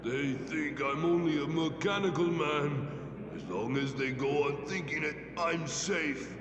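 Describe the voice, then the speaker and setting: Hunted cartoon strongman brute, slow, terse, muffled with noise. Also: fairly high pitch, crowd noise. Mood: secretive. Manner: terse, clipped sentences. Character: wary, hunted hulking brute in hiding. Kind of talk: animated superhero comic voice acting. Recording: dull, noisy sound with clicks.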